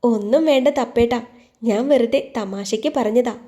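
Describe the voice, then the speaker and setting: Woman reading a gentle hurt young wife in a storybook, high mellow voice. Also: normal speed, close to an everyday voice. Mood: pleading. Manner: pleading, tearful.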